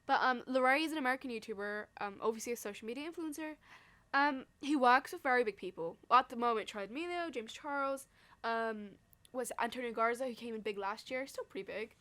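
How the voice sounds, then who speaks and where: A young woman hosts a casual podcast chat, her voice sitting a little on the high side. She talks in a gossipy, indignant way and now and then reads lines from an article. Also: fast talker, a bit bright. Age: young adult. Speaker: student podcast host.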